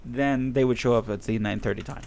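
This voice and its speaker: A young male podcast host who is losing his voice chats casually, rambling, laughing often, and dropping plenty of fillers. His voice is medium-pitched, fairly quick, creaky and darkish, with a little hiss or hum in the recording.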